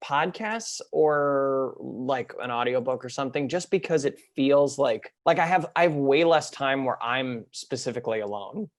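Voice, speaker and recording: Lively, playful young male podcast co-host. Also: medium pitch, normal speed, hardly any pauses. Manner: playful, laughs often. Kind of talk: casual podcast chat.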